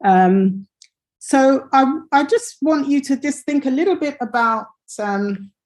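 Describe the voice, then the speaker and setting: A woman's voice: high-pitched, animated, slow, a little mellow. A woman teaching English pronunciation in an online lesson over a computer mic, hesitant, with many fillers and restarts.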